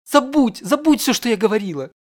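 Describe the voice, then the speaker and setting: Man voicing a shrill, fiery young woman. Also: big pitch swings, normal speed. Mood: furious. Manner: shrill, exclaiming, emotional outbursts. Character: fiery young woman, flustered and sharp-tongued.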